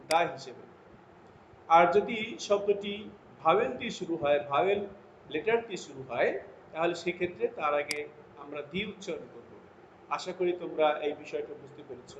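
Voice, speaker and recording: A male teacher with a high voice gives a recorded grammar lesson, pausing to read English examples slowly and carefully. The sound is dull and lo-fi, with a roomy echo around him and a faint hiss underneath. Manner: slow, deliberate English example sentences between explanations. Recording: lo-fi echoey room with faint noise.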